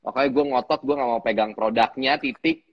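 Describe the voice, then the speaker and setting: A man, a guest actor on a casual live stream, telling stories in a joking, lively way. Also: mid-range voice, brisk. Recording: dull lo-fi livestream audio.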